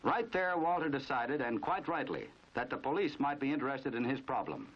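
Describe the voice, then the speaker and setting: An American man of medium pitch, fairly bright in tone and sing-song, narrates a 1950s crime training film at a moderate pace. The telling is knowing and dramatic, wry and measured, captured on a dull, band-limited 1950s film soundtrack.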